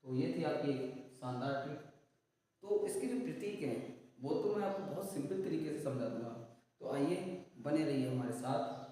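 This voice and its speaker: A man's voice: fairly high pitch, animated, normal speed, mellow. A man teaching an exam-prep lesson with memory tricks, who keeps asking a question and repeating the answer in a call-and-response drill. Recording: echoey room from a distant mic.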